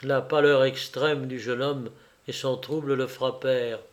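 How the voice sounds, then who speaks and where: A man reading a classic novel aloud as an audiobook narrator in a slow, dramatic, measured way. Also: medium pitch, fairly even intonation.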